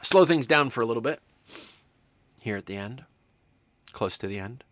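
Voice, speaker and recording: A man lecturing on film to students, enthusiastic and emphatic, swinging from quiet remarks to loud excitement. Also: medium pitch, moderate pace, no room sound. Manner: enthusiastic, talks to students directly. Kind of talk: recorded lecture.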